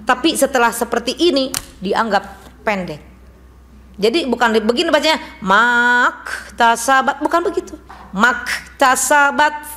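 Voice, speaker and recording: High-voiced woman teaching a class. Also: expressive. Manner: brisk, asks the class questions and drills responses. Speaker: Quran recitation teacher. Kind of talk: teaching a women's study group. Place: mosque.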